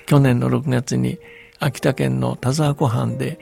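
An older man, a folktale researcher, chatting on the radio in a relaxed, explanatory way with soft trailing endings. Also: mid-range voice, a little slow, creaky, soft background music.

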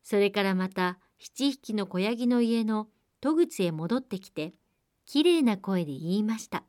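A woman who hosts the show, reading a fairy tale aloud in a polite, measured way. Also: mid-range voice, lively intonation, a little mellow, no echo, clean studio sound. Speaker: radio host and story reader. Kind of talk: storybook reading.

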